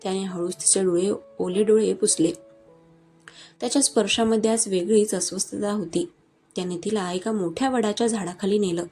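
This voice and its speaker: A woman storyteller reads a romance aloud in a steady, expressive scripted narration. Her voice is warm and mellow, and soft music plays faintly underneath. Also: medium pitch, husky.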